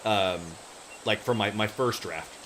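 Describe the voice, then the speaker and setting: A man's voice: on the low side, slow. A man chatting casually on a livestream, rambling and often trailing off as he loses his thread. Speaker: live streamer and fiction writer. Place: home office. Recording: steady hiss and room noise.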